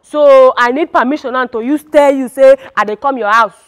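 A woman's voice: high voice, moderate pace, natural voice. A woman with a Nigerian Pidgin-tinged accent playing a pushy, dismissive sister in a comedy skit. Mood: bossy. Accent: Nigerian Pidgin-tinged English. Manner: bossy, dismissive. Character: pushy older sister overstaying her welcome.

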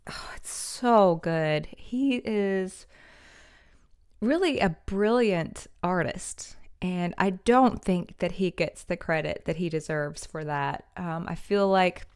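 A woman in her thirties talks through a song reaction with easy enthusiasm and frequent laughs. Her voice is smooth and clear at a middle pitch. She speaks into a studio mic in a small decorated room at home. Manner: enthusiastic, chatty, laughs often. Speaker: music reaction host. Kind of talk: casual reaction commentary. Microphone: studio condenser mic on stand.

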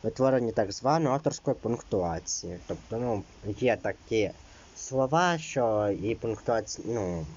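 A man's voice: lowish voice, expressive, measured pace, darkish tone, lo-fi sound. A man teaching an exam-prep lesson, reading out rules and then explaining them loosely, with many fillers.

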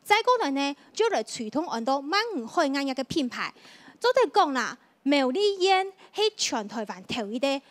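A woman with a high voice and a Taiwanese Hakka accent hosts a studio panel discussion. She talks with frequent pauses and fillers. The sound is dry and close. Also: very animated, dry recording. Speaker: talk show host.

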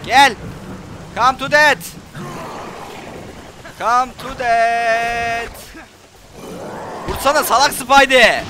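A man's voice: high-pitched, a little hiss or hum. A young man doing let's play commentary, frustrated, swearing and taunting. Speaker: gameplay commentator.

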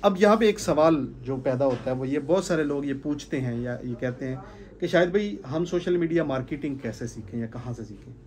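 Brisk and expressive, the man's medium-pitched voice has a slightly mellow quality. He's a sales trainer giving a casual talk to a few people in a room with curtains, speaking emphatically, repeating phrases for stress and gesturing along.

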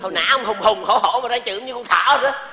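A man's voice: high-pitched, quick pace, lightly acted. A man playing a bossy old father. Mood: scolding. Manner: bossy, barking orders, mocking. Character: stern hot-tempered old village father, male. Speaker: comedy sketch actor. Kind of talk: live stage comedy sketch. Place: large theater stage. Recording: live stage, long hall reverb, faint noise.

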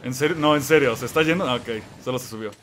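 A man giving excited let's-play commentary, yelling and exclaiming at the game and talking to the monster. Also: medium pitch, quick pace, faint music behind. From Mexico. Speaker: gamer playing and commenting.

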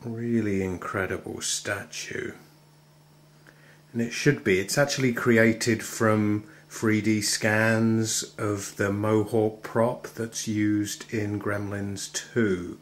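A man's voice: fairly low pitch, little pitch movement, slow. A man in his thirties with an English accent, chatting cheekily to camera in a casual vlog. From England. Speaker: vlogger. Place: inside a car while driving. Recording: road noise in moving car.

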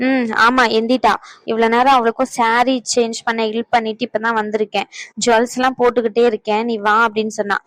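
A woman's voice: fairly high pitch, flat delivery, fast, a bit bright, dry recording, lightly acted. A woman voicing a young married daughter in a cartoon, sulky and complaining. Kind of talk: cartoon voice acting.

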